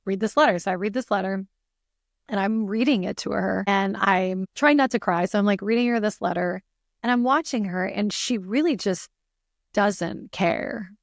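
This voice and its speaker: A woman's voice: mid-range voice, normal speed, gravelly, no room sound, clean studio sound. A woman telling a personal story as a podcast guest, earnest and full of "you know" fillers.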